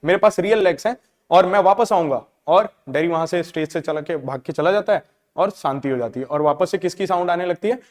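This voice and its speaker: High-voiced male teacher explaining a play. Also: a little mellow. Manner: explains each line and keeps checking in with "ठीक है". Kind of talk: line-by-line literature lesson. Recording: long hall reverb.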